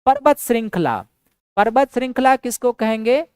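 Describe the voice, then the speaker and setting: Smooth-voiced woman teaching a geography lecture. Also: a little high, moderate pace, darkish tone, no room sound, clean studio sound. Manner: poses rhetorical questions and answers them, repeats key points. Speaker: geography teacher for exam prep. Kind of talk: classroom lecture.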